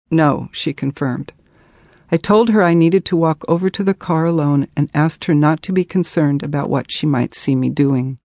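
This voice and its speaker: A woman narrating her own memoir as an audiobook, measured and earnest. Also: deep voice, dark tone, no echo, clean studio sound.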